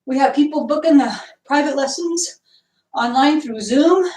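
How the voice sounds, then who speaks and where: A woman's voice: high-pitched, moderate pace, a little mellow, far from the mic, slight background noise. A woman instructor leading an online martial arts workout, cueing and counting moves, getting out of breath. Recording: echoey room, voice from afar.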